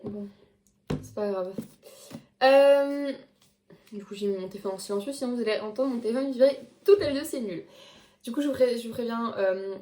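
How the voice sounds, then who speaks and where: A woman's voice: on the high side, darkish tone. A young woman chatting casually about books she read, with many fillers and restarts as she shows them to the camera. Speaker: book vlogger. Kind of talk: casual chat. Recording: echoey room.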